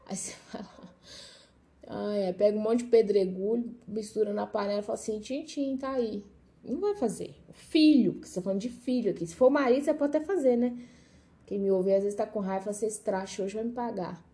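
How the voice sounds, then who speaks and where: A woman's voice: medium pitch, fast talker, dark tone. A middle-aged Brazilian woman preaching an informal Bible lesson, with homely examples and joking asides to her listeners.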